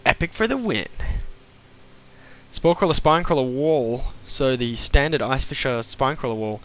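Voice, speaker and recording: A young man casting a strategy game match play-by-play, chatty and self-mocking with quick asides. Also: mid-range voice, expressive, a bit bright. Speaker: esports caster. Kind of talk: play-by-play commentary.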